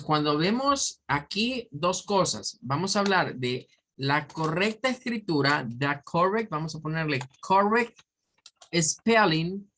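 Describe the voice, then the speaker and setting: A man's voice: sits high, pushed and bright, slight background noise. A man teaching an English pronunciation class, explaining patiently and often checking in with his students. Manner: explanatory, checks in with frequent tag questions. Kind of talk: online class lecture.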